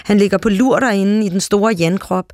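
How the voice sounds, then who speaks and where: A reader narrating a literary short story aloud in a calm, steady way. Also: medium pitch, no echo, clean studio sound.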